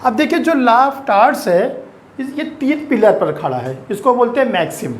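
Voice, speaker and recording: A middle-aged man with an Indian accent giving an exam-focused law lecture, slowly stretching out key terms and mixing in English legal words. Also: extremely high pitch, expressive, a little hiss or hum. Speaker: law teacher.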